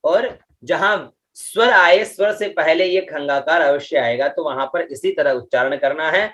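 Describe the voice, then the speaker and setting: A middle-aged man leads an online lesson in Vedic recitation, slowing right down to chant each syllable. His voice sits a little high and sounds bright and forceful, and he keeps checking in with his class. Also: muffled recording. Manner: slow, drawn-out chanting of mantra syllables with pitch-accent explanations; patient, repeats "ठीक है" and "है ना" often.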